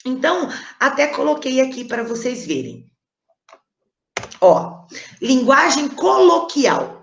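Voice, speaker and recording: A woman teacher with a fairly high voice explains a lesson patiently, pausing often to check that her students follow. Her voice carries a roomy echo. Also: fairly bright tone. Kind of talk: recorded online class explanation.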